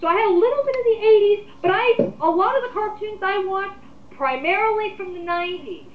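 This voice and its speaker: Leading a group discussion, this host in her 20s rambles through blunt, emphatic opinions in a casual commentary chat. She speaks fairly quickly in a very high, animated voice, captured with phone-quality sound in an echoey room.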